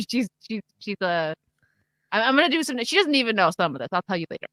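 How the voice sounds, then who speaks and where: A woman chatting casually on a live stream with a temporary mic, her voice cutting in and out because of a noise gate set too high. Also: sing-song, pushed and bright, dry recording. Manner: quick, chatty, loses her thread. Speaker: streamer, co-host of a live show. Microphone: temporary desk mic, not her usual one.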